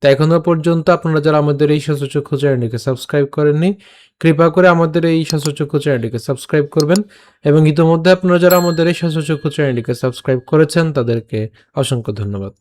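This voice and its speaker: A man's voice: a little high, very fast, darkish tone. A man with a Bengali accent teaching Sanskrit verse recitation in an online lesson, patiently breaking words into syllables and repeating them.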